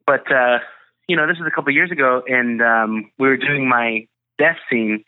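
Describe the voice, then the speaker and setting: A man's voice: medium pitch, normal speed, dry recording, narrow, tinny audio. A young man, a guest actor, telling stories with a laugh in casual podcast chat. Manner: laughing storyteller, self-deprecating.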